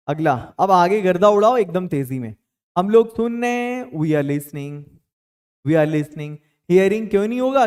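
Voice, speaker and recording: Male tutor, casual and playful, high voice with big swings in pitch. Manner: lively, repeats example sentences slowly. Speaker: English teacher. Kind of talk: spoken English lesson in Hindi.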